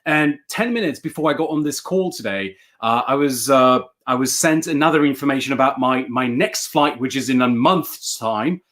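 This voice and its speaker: A man's voice: mid-range voice, lively intonation, moderate pace, few pauses, fairly bright tone. A man in his thirties from Sweden, a native Swedish speaker, talking earnestly as a coaching guest on a video call and repeating words as he thinks. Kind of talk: casual video-call interview. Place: bright room at home.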